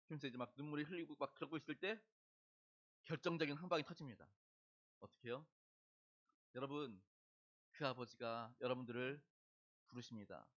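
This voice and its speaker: A man's voice: mid-range voice, fairly quick, long pauses, a bit bright, dull audio. A middle-aged man preaching a sermon in a church, telling stories, acting out the voices in them and asking the congregation questions. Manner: storytelling, acting out voices in quoted dialogue. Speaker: pastor. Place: church sanctuary.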